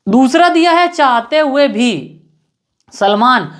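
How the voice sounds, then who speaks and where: A woman teaching English grammar in Hindi, slowly repeating example sentences word by word. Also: sits high, expressive. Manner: slow, repetitive, spells out example sentences word by word.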